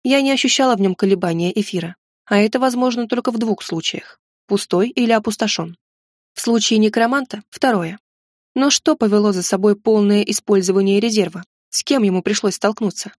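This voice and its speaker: A woman reads a first-person fantasy audiobook with expressive, sharp-tongued delivery at a mid pitch. The sound is close and dry, with no room around her. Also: a little fast, no room sound. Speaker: audiobook narrator.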